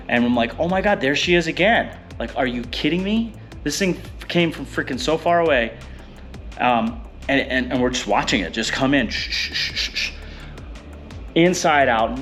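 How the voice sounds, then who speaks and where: Male charter captain, low voice, rambling animated storyteller, faint music behind. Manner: animated, rambling, many fillers. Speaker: fishing boat captain. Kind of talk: casual storytelling.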